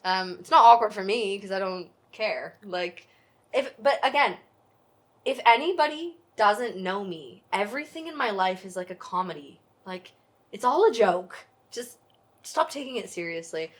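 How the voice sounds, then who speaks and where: A woman's voice: mid-range voice, lively intonation, normal speed. Jokey, self-mocking woman co-host. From Canada. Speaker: podcast co-host. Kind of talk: casual chat.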